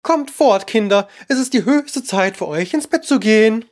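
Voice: medium pitch, expressive, moderate pace, voice pushed up, natural voice. A reader voicing a small canary parent, piping and trembling as it calls its young. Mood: anxious.

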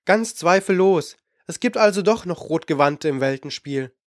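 Tense hurried young mage, urgent and clipped, slightly raised voice, played by a male reader. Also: on the high side, lively intonation, no room sound, clean studio sound, lightly acted.

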